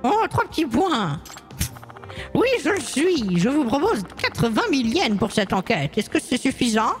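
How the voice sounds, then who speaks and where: A woman's voice: high voice, sing-song, moderate pace, faint music behind. Woman voicing an anxious older café owner. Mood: insistent. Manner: hesitant, fussy, many sighing fillers. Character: worried older woman café owner suspecting her husband. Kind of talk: fan dub of a game scene.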